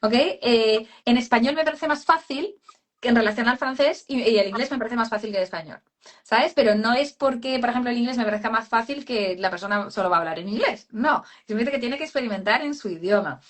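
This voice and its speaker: Casting: woman voice coach, fairly high pitch, patient and explanatory. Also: fairly quick. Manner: explanatory, addresses listener as cariño. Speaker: speech therapist, voice feminization. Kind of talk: live video chat.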